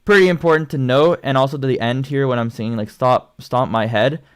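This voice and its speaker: This young man talks a little fast in a smooth, mid-range voice, offering rambling livestream commentary on his vocal progress. He's a singer and channel host with a Canadian accent, and his speech is loaded with likes, ums and other fillers.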